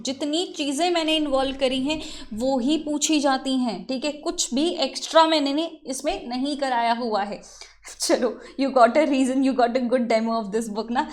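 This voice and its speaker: A woman, giving a brisk, chatty exam revision lesson and switching between Hindi and English. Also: high voice. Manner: brisk, chatty, mixes Hindi and English, fillers like theek hai. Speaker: exam prep teacher.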